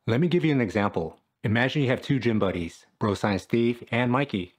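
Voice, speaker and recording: A man's voice: medium pitch, a little fast. A man in his thirties, a fitness coach, giving an upbeat, jokey scripted talk to camera in a small room at home.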